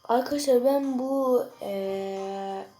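A young girl chatting excitedly to viewers while she plays a mobile game, reacting loudly to each moment. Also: on the high side, slow, slight background noise, rough recording. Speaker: gaming video creator. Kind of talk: casual gameplay commentary. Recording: music playing behind the voice.

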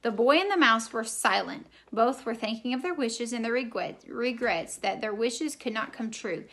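Teacher lady reading a kids' book aloud, slightly high voice, steady storytelling. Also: normal speed.

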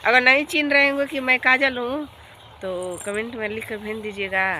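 A woman's voice: fairly high pitch, fairly even intonation, brisk, sharp tone, a little hiss or hum. A young woman chatting playfully with viewers, outdoors in a rural field. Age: young adult. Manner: playful, talking straight to viewers. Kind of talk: casual comedic skit chat.

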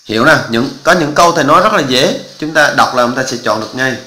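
A man's voice: mid-range voice, lively intonation, fast talker, sharp tone, roomy sound, low-quality recording. A male math teacher, walking through exam answers step by step and often checking that students follow. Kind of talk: exam walkthrough lesson.

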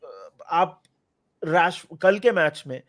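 Male panelist from India, slightly high voice, excitable and rambling, dry close mic. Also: very slow, no echo. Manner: animated, rambling, frequently forgets names. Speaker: football podcast panelist. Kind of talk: casual football chat mixing Hindi and English.

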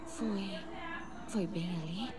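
A woman's voice: medium pitch, slow, lightly acted. A woman playing a young outcast huntress in a dubbed video game, earnest and questioning, with a Brazilian accent. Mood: puzzled. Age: young adult. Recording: loud game music behind.

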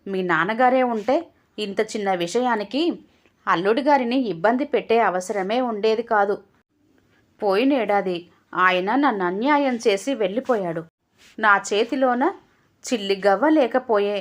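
A woman's voice: medium pitch, normal speed, lightly acted. A woman voicing a scheming widowed mother-in-law who talks in a wheedling, evasive way.

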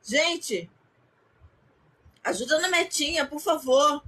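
A woman's voice: sits high, expressive, takes it slowly, pushed and bright, slight background noise, low-quality recording. A woman hosting a casual live stream, exclaiming and thanking viewers by name.

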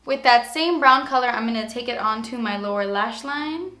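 A woman with a raspy voice today, casually talking through a makeup tutorial in a chatty way full of fillers. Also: on the high side, moderate pace, reverberant, over music. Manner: chatty, filler-heavy, frequent "like". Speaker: beauty vlogger.

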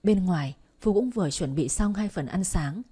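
A woman narrating a bedtime story at an even, unhurried pace. Her voice is low and mellow, with a soft breathiness. Calm and steady throughout. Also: slightly rough.

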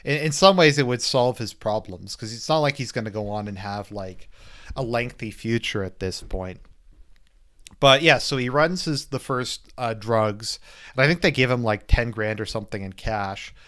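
A man's voice: mid-range voice, moderate pace, fairly bright tone. A man giving a loose, casual spoken movie review as he rambles through the plot. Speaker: film reviewer.

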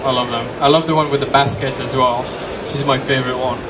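A man's voice: medium pitch, steady tone, fast talker. A man from France in his thirties, a game designer talking casually and upbeat to an audience, repeating words. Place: small dark convention room. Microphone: distant camera mic. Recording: distant mic, loud room noise.

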